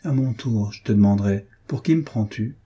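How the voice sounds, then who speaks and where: A man reading a composed, guarded lover who answers in a measured, deflecting way, in an audiobook. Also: lowish voice, dark tone, breathy edge. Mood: indignant.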